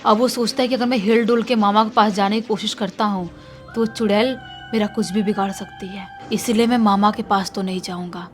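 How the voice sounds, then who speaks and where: A woman telling a horror story dramatically, dropping to a hush at tense moments. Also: mid-range voice, steady tone, fairly quick, faint music behind.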